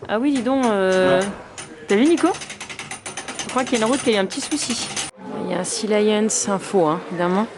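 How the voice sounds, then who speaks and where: Chatty French mom with noisy outdoor audio. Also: female voice, medium pitch, a little fast. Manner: chatty, excitable, laughing often. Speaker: vlogger. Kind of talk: casual family vlog. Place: outdoors and in a visitor center.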